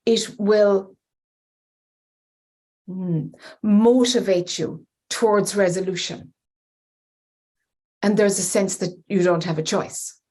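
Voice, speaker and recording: An Irish woman, a spiritual teacher, leading a guided meditation in a slow, hesitant, soothing way. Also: medium pitch, darkish tone.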